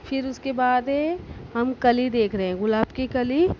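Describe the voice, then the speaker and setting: Slow, patient woman teacher. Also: sits high. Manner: slow, patient, spelling out words sound by sound. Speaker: school teacher. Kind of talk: recorded class lesson. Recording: dull lo-fi recording with faint noise.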